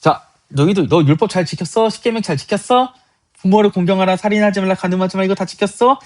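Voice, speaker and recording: A man's voice: high voice, fast talker, voice pushed up, lightly acted. A man voicing Jesus as a blunt, scolding teacher who talks down to his listeners in plain casual speech. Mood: questioning.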